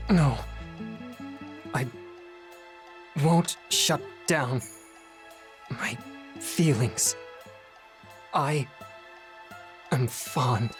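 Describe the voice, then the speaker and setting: A man voicing an aging male automaton who stutters and glitches through system errors, speaking in a formal, stiff way. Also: mid-range voice. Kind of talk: game dialogue. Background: game music.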